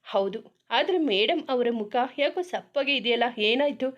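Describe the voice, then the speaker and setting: A caring young wife talks briskly and soothingly, with a light teasing edge, as a woman storyteller puts her on. Her voice is a little high. It is a read-aloud audio story. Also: expressive, lo-fi sound, natural voice. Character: caring older sister-in-law, warm and teasing.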